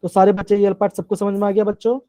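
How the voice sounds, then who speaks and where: Man teaching class, mellow dry voice. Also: high voice, monotone, quick pace, dry recording. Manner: asks and repeats questions. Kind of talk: live online class.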